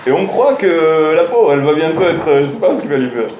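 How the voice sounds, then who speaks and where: A man's voice: a little high, animated, brisk, darkish tone, muffled recording, a little hiss or hum. Man teaching a lesson in a roomy room. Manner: storytelling, with frequent restarts and hesitations; addresses listeners directly. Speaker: rabbi teaching a Torah class. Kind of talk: informal Torah lesson with stories. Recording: roomy room with faint ambience.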